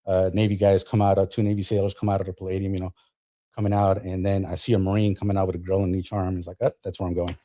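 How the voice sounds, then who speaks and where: A man's voice: sits low, little pitch movement, quick pace, dark tone. A man from Colombia, a retired Marine guest, telling stories casually with many hesitations and easy humor. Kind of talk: casual interview storytelling.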